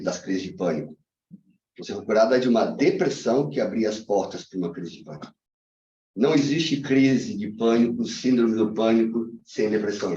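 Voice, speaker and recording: A man's voice: fairly low pitch, dark tone. Lecturing man heard from afar. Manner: authoritative, emphatic, lecturing. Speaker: hypnotherapist and course teacher. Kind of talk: classroom talk. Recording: distant, roomy, dull lo-fi sound.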